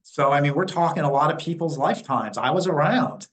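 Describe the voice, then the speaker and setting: A man in his fifties from New Jersey, speaking frankly and bluntly in an interview. His voice sits a bit high for a man, and he pads his points with "um" and "you know". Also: lively intonation, a little fast, low-quality recording. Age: 50s. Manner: blunt and opinionated, with frequent fillers. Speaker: interview guest, Native community liaison. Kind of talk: candid conversational interview.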